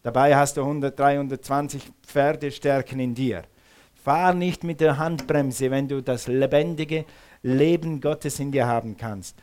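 A man's voice: medium pitch, steady tone, a little slow, darkish tone. A male pastor preaching a sermon in a church hall, calling on the congregation to repeat words back to him. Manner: engages the congregation with call-and-response; uses some Swiss words.

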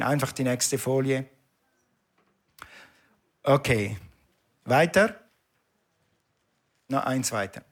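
A man preaching a sermon in a church, emphatic and repetitive, calling the congregation to respond. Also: mid-range voice. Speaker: pastor.

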